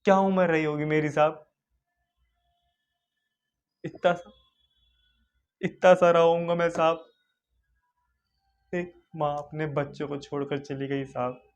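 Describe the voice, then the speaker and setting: A man's voice: fairly high pitch, steady tone, slow pace, pauses often. An actor playing a poor young man who pleads with a sir about a childhood of hunger, in an audition monologue. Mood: grief-stricken. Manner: pleading, addressing a sir again and again.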